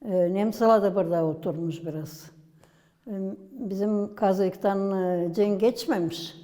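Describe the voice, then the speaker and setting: A woman from Gagauzia with a Gagauz accent, explaining village history as a local museum guide in an unhurried, halting way with many pauses. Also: medium pitch, steady tone, mellow, in a large hall. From Gagauzia, Moldova.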